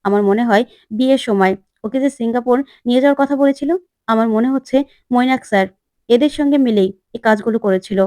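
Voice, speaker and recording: A woman voicing a sharp-tongued young woman. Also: fairly high pitch, brisk, dry recording, lightly acted. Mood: earnest. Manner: challenging, sarcastic.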